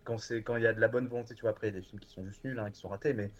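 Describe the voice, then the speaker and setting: A man's voice: lowish voice, steady tone, very fast, highs cut off. A man chatting casually and enthusiastically, with many fillers and restarts. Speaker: guest from a horror streaming platform. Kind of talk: casual podcast chat.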